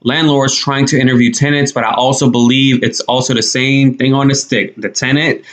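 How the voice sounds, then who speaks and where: A man's voice: medium pitch, flat delivery, moderate pace, a bit bright. A young man giving casual news commentary to camera in a conversational, slangy way. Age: young adult. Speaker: YouTube commentator. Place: small indoor room.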